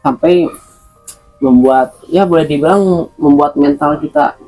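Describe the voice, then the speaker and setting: Guy telling what happened to him, stops and repeats himself a lot, mellow warm voice, soft music in the back. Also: on the high side, unhurried, low-quality recording. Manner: hesitant, restarts and repeats words with many fillers. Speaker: interview guest. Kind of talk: recounting a personal experience.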